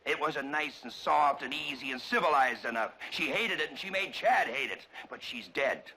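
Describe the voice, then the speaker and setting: An actor playing a stubborn, rough frontier father with gruff, rustic speech in a 1960s TV western. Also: medium pitch, expressive, moderate pace, bright, forceful tone, full character voice, low-quality recording. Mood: bitter.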